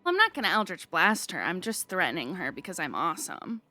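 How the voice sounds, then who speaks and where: A woman player in a tabletop game, giggly and excitable as she describes her moves. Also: on the low side, fast, dry recording, faint music behind.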